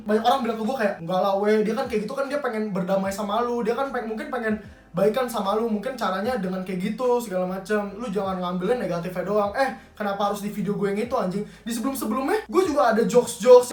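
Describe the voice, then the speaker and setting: A man's voice: extremely high pitch, a bit bright, recorded from a distance. A young man with Jakarta slang, ranting angrily and swearing a lot in a commentary vlog. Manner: angry, profane, rapid ranting. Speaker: YouTuber. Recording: roomy echo, slightly off-mic.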